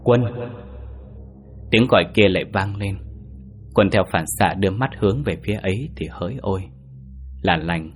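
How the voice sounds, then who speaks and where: A man narrating a horror story in a steady, measured storytelling voice. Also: low-pitched, faint music behind.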